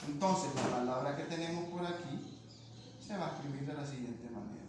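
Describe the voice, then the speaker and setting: A man teaches a language class on phonetics, explaining patiently, repeating his points and checking in with students by asking "¿verdad?" His voice is fairly high and a little fast. The room echoes, with faint noise.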